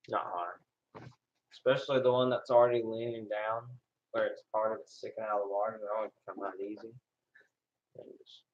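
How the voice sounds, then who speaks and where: A man's voice: lowish voice, darkish tone. A man chatting casually in a rambling, hesitant way, as if thinking aloud. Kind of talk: casual chat. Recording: dull lo-fi sound.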